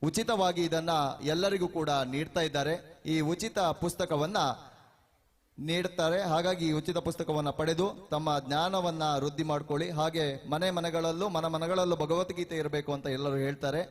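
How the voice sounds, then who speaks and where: A man's voice: fairly high pitch, steady tone, moderate pace. Male event announcer, formal and ceremonious, with a long echoing reverb.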